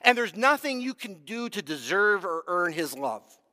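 A man's voice: high-pitched, very animated, normal speed, sharp tone. A man preaching a sermon as pastor, earnest and emphatic, swelling in intensity and then dropping almost to a whisper. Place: church sanctuary. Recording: long hall reverb.

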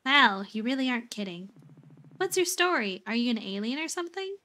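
Timid scaly alien creature, female, shy and hesitant, slightly high voice , read by a woman. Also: big pitch swings, fairly quick, pushed and bright.

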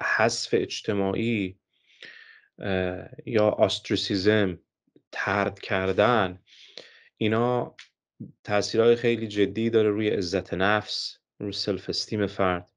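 A man in his thirties, a social psychologist, explaining ideas with examples in an interview, correcting himself as he goes. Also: lowish voice.

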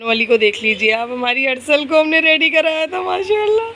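A woman's voice: high voice, fairly even intonation, a little fast, crowd noise. A young woman chatting casually in a family vlog, affectionate and often laughing. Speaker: vlogger.

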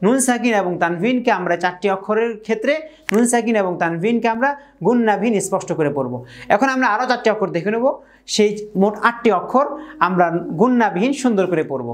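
A woman teaching Quran reading at a whiteboard. She spells out syllables slowly, repeats each example, and often checks in with her viewers. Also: mid-range voice, animated. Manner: checks in with listeners by asking "okay?"; addresses viewers formally. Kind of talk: whiteboard lesson.

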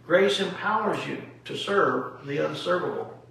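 A man's voice: fairly high pitch, animated, measured pace, creaky, fairly bright tone. A male pastor teaching a Bible study at home with emphatic rhetorical questions, recorded in an echoey room from a distance. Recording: echoey room from far off, faint noise.

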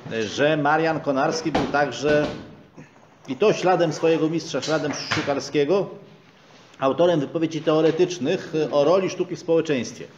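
A middle-aged man in the audience of a small lecture room, asking a question with halting pauses and fillers, picked up by a distant camera. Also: on the high side, a little mellow. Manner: hesitant, many fillers, halting. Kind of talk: question from the floor. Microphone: far camera. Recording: muffled, faint hiss.

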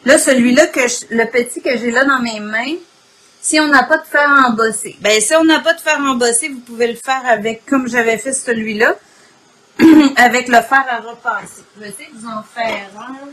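A woman with a Quebec French accent and a husky morning voice, informally demonstrating an art technique and often clearing her throat. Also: fairly high pitch, moderate pace, fairly bright tone. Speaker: craft instructor. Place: indoor craft worktable.

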